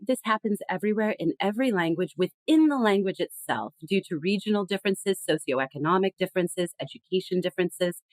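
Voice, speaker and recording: A woman's voice: mid-range voice, dry recording, low-quality recording. A woman guest on a podcast interview, talking emphatically and expressively about communication. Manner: emphatic, expressive, lively storytelling. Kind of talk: conversational interview.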